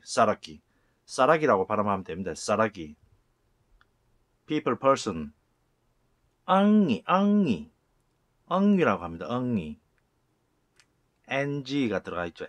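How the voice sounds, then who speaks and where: A middle-aged man giving a lesson on words, sounding them out slowly and repeating each one. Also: mid-range voice. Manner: slow, repeating words aloud to show sounds. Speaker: channel host explaining word origins. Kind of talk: lecture on words.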